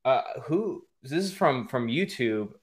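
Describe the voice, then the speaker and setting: A man's voice: medium pitch, expressive, a little slow. A man hosting his own livestream, reading viewer comments aloud and steering the show, often stumbling and restarting his sentences. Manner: stammering restarts, reads chat comments aloud, upbeat. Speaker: livestream and podcast host. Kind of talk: casual livestream chat.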